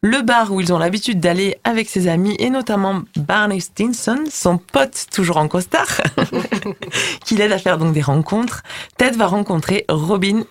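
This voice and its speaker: A woman columnist on a radio show, recapping a TV series with lively quips. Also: medium pitch, unhurried.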